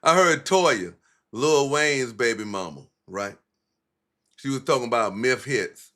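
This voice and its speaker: Male stream host, middle pitch, blunt and profane, mocking commentary. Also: lively intonation, a little slow, a bit bright. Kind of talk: casual livestream commentary.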